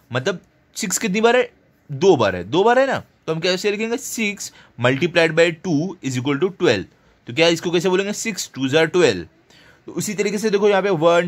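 A man teaching a children's math lesson, counting items aloud one by one and putting questions to the children, with English number words mixed into his speech. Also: fairly high pitch.

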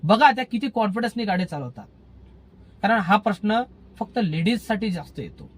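A man's voice: high-pitched, animated, fairly quick. A man, a driving instructor giving casual advice in a vlog, earnest and repetitive as he pleads with his listeners.

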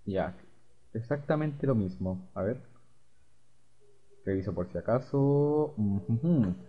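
A man's voice: on the low side, lively intonation, slow. Man muttering over a game. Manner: muttering to himself, reads on-screen text aloud. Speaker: gamer. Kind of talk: let's play commentary. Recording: dull lo-fi recording with faint hiss.

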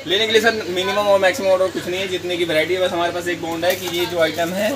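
A man, a shopkeeper briskly and matter-of-factly showing goods and quoting prices in a sales pitch. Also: level tone, a crowd in the background, low-quality recording. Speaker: wholesale bangle shopkeeper. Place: small indoor shop lined with shelves. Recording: clear ambient noise of a shop.

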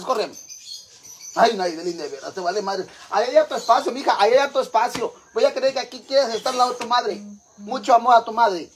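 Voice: mid-range voice, slight background noise, close to an everyday voice. A performer voicing a crude, boastful Mexican mother with a Mexican accent, rambling gossip to her sisters in a comic monologue.

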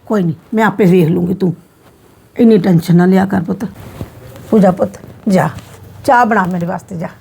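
A middle-aged woman playing a soft-hearted grandmother who placates her daughter-in-law and dotes on her granddaughter. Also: fairly low pitch, fairly quick, creaky, pauses often, a little hiss or hum. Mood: soothing. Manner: soothing, placating, affectionate. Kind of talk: scripted family drama.

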